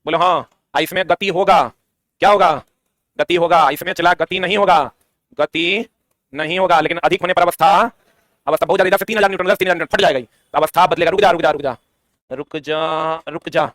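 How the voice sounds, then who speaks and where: A man's voice: sits high, steady tone, quick pace, fairly bright tone, dry recording. A man, teaching an exam-prep science lesson, asking questions and answering them himself. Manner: quizzing, asks and answers his own questions.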